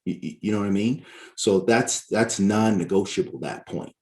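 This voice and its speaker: A man from Barbados, a guest author on a podcast interview, explaining his points in a measured way and often checking in with "right?". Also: on the low side, a little mellow.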